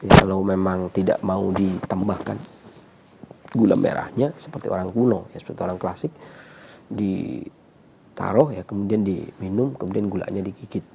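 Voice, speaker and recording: A man's voice: sits low, normal speed, creaky, noisy background. A man giving explanatory health advice, repeating himself and often punctuating with a checking tag word. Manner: repetitive, checking with 'ya'. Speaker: herbal health consultant.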